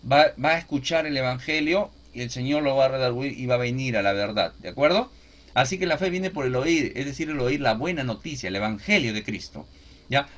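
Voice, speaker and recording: A man preaching a teaching sermon, often asking his listeners if they follow. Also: fairly high pitch. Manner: animated, asks listeners "¿no?" and "¿de acuerdo?" often.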